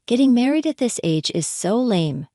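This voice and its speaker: Snide taunting sister-in-law in her thirties, read by a woman, lively pitch. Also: normal speed, dry recording, clean studio sound. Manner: condescending, taunting.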